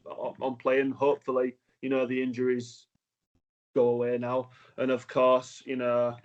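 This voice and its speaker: A man with a northern English accent hosting a casual podcast chat, passing questions to his guests. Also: mid-range voice. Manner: chatty, hands questions to guests. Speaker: podcast host. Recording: dull lo-fi audio.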